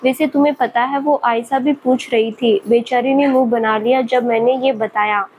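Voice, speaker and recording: A teasing young male professor with a light, higher voice , played by a woman reading a storybook. He is playful and mischievous, always poking fun with a grin in his words. Faint background hiss sits under the voice. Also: steady tone, normal speed, a little mellow, lightly acted, poor audio. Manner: teasing, laughing at her.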